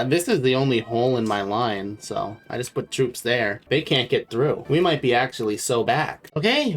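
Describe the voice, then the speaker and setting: A gaming video creator giving strategy game commentary, excitable and laughing often, swinging from glee to loud frustration and swearing freely. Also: mid-range voice. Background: faint background music.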